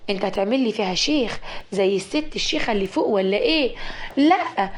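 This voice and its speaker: A woman voicing a spiteful, jealous young woman, loud and taunting, with an Egyptian accent. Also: mid-range voice, lively intonation, quick pace, lightly acted. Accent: Egyptian Arabic.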